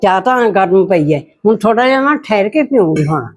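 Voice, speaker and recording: A woman's voice: mid-range voice, animated, fairly quick, lightly acted. A woman acting a sly, demanding village aunt in a short drama, evasive and bossy, with a Malwa Punjabi accent. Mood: muttering. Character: sly, demanding aunt fond of tea and opium husk. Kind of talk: amateur short-film acting.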